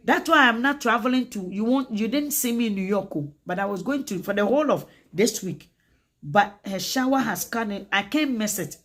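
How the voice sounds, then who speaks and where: A woman with a Ghanaian accent, hosting a casual livestream chat in an animated way, switching between English and Twi. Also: mid-range voice, moderate pace. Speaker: livestream host.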